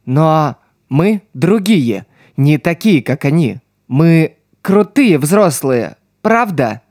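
A man reading an audiobook voices a wounded, tough street girl who speaks weakly and slowly. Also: on the high side, sing-song, darkish tone, no echo, clean studio sound, full character voice. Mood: weak, resigned. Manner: weak, slow, strained speech.

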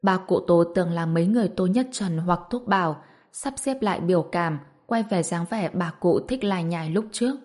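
A woman narrating a storybook in a calm, steady reading voice. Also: fairly low pitch, moderate pace.

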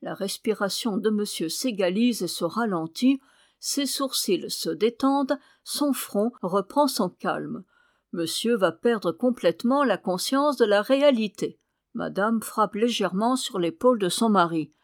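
Une femme qui lit un roman à voix haute avec un ton vivant et expressif. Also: female voice, medium pitch, a little slow, no echo, studio quality. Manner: lively, expressive storytelling. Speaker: audiobook reader. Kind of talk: literary reading.

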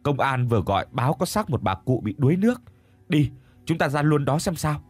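A man's voice: on the high side, very animated, a little fast, darkish tone, slightly rough, no echo, faint music behind, voice pushed up. A man voicing a grieving adopted son, tearful and pleading, in a narrated ghost story. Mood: shaken. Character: grieving adopted son, middle-aged husband.

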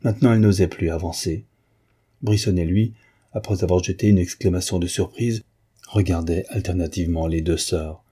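Low, husky male audiobook narrator. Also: fairly even intonation, moderate pace, mellow.

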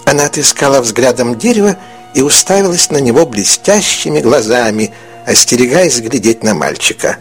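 A man narrating an audiobook in an expressive, melodic storytelling manner. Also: medium pitch, moderate pace, soft background music. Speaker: audiobook reader.

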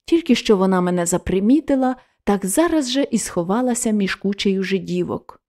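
A woman narrating a literary story in a slow, measured, expressive reading. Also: medium pitch. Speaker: audiobook narrator.

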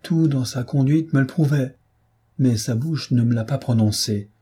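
A heartbroken young woman, distraught and pleading, her anguished words tumbling out in a mellow, husky tone, as a man reads her lines. An audiobook heroine undone by grief. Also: medium pitch, normal speed. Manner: anguished, impassioned outbursts.

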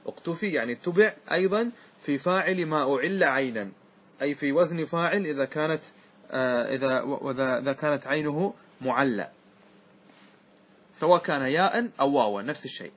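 A man, a sheikh, teaching a class on Arabic grammar, reciting verse slowly and checking whether students follow. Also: on the high side, expressive, a bit bright. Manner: asks students rhetorical checks like "clear?". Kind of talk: classroom lesson explaining verse.

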